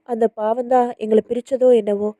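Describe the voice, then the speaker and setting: A woman's voice: on the high side, flat delivery, normal speed, mellow, dry recording, natural voice. A woman voicing an anxious young woman who talks politely and earnestly, in a storybook reading. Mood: regretful.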